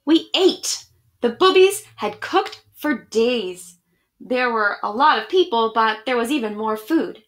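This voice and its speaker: Reading slowly and expressively, this education director shares picture books with children online and chats warmly with them. Her voice is a little high and fairly bright, and she records indoors in a small room at home.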